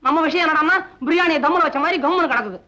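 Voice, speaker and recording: An actor playing a joking, lovestruck male servant in a 1960s film comedy scene, with rapid comic banter. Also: very high-pitched, sharp tone, full character voice. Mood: teasing.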